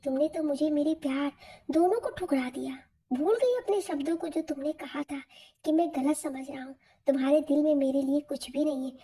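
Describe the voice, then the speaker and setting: A woman voicing a heartbroken young man in a storybook reading, bitter and impassioned, in her own soft reading voice. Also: high voice. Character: heartbroken young man, lover, pleading then playful.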